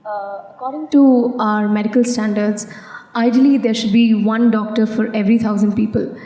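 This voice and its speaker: A young woman reads a prepared question, pausing on fillers. Her voice is fairly high and mellow. It carries the long reverb of a large hall. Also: fairly even intonation. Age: young adult. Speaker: student asking a question.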